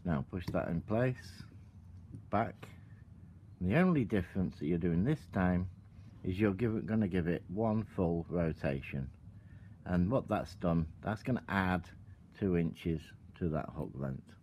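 A man giving a calm, step-by-step tutorial while working with his hands at an outdoor table. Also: low voice, unhurried, slight background noise. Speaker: product demonstrator.

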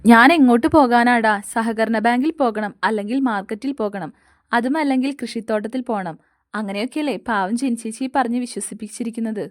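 A woman's voice: fairly high pitch, fairly quick, no echo, clean studio sound, close to an everyday voice. A woman voicing a teasing, idle older man who banters mockingly in an audio story.

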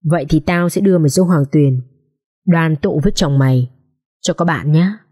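A woman's voice: low-pitched, moderate pace, dark tone, breathy edge. Woman reading a nasty male killer, hissing threats, audio story. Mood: menacing. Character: brutal male killer, vicious and scornful.

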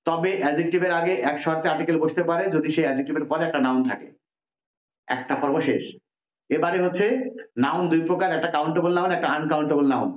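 A man's voice: fairly high pitch, quick pace. A man from Bangladesh teaching an English grammar lesson, explaining step by step and asking his listeners questions. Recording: echoey room, dull lo-fi sound.

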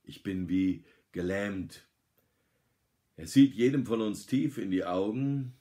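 A middle-aged man with a lowish voice reads a story aloud slowly, lively and dramatic, raising his voice for the characters' lines.

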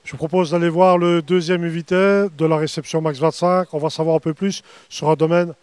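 A man's voice: a little high, steady tone, a little fast, a little mellow, clean tone, no echo. A middle-aged man hosting interviews at an evening reception, chatty and upbeat, talking into a handheld microphone outdoors. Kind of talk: event interview.

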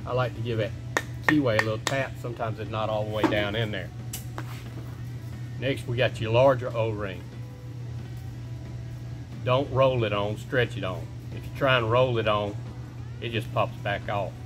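A man's voice: lowish voice, fairly even intonation, moderate pace, pauses often. Middle-aged man, workshop, plain step-by-step talk, folksy, music in background. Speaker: shop owner showing a repair. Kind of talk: casual how-to instruction. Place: indoor workshop. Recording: music playing underneath.

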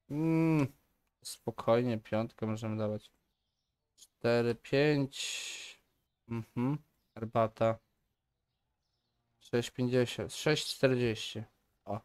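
A gaming YouTuber with a clean, mid-range, slightly mellow voice gives casual let's-play commentary as he plays. He banters playfully, putting on a mock-polite shopkeeper tone.

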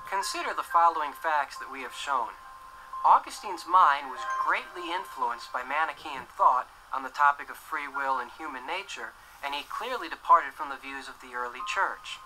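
A young man presenting scripted documentary narration in a measured, earnest way on a dim indoor set. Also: fairly high pitch, rough recording. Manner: measured, earnest, gestures while explaining.

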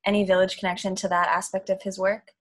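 A woman's voice: mid-range voice, little pitch movement, fast talker. A young woman moderating the Q&A on a video call, reading audience questions aloud.

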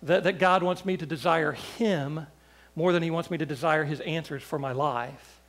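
A man's voice: on the high side, moderate pace, fairly bright tone. A male pastor preaching a sermon, telling stories in a loose, conversational way with frequent restarts. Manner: storytelling with repeated restarts.

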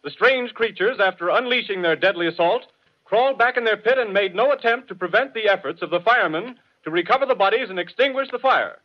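An actor playing a male radio announcer in a 1930s radio drama, reading urgent bulletins in a crisp, formal, old newsreel style. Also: high voice, fast. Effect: old newsreel-style broadcast announcing. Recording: dull lo-fi 1930s radio recording.

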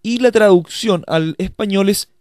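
A man's voice: high voice, a little slow, darkish tone, dry recording, studio quality. A man teaching a language lesson, explaining step by step in a patient way and speaking straight to his learners. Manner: addresses learners directly.

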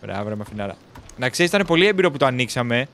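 A man's voice: medium pitch, sing-song, a bit bright. A young man co-hosting a casual let's-play, teasing his friend and telling him where to go. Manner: teasing, bossy guide through the game. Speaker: gaming co-host.

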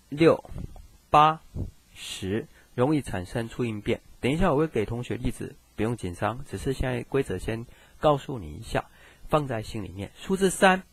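A man explains grammar in a recorded screen lesson, speaking to his students in a chatty, reassuring way. His voice is husky and sits at a middle pitch. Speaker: Japanese grammar teacher.

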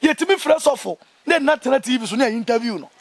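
A young Ghanaian man giving an impassioned interview, speaking in an emphatic, indignant and animated way. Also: very high-pitched, fast. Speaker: interview guest, traditional priest. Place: outdoors among trees.

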